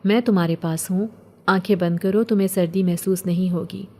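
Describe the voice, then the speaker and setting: A woman voicing an ancient, gentle male jinn who speaks in a calm, poetic, consoling way. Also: lowish voice. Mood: calm, tender.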